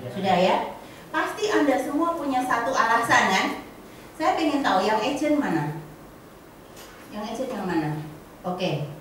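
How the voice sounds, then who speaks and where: Animated woman, echoey room. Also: on the high side, unhurried, pauses often. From Indonesia. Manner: animated, acts out dialogue in voices, laughs often. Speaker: motivational speaker to insurance agents. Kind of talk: live seminar talk with storytelling. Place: meeting room with audience. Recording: echoey room, distant mic, faint noise.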